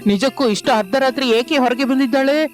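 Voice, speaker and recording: A woman voicing a nosy middle-aged male farmer in an animated village story, muttering suspiciously. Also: high-pitched, brisk, faint music behind, close to an everyday voice.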